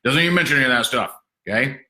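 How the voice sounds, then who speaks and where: A man giving a livestream sales training, punchy, energetic and sarcastic. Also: medium pitch, very fast, echoey room.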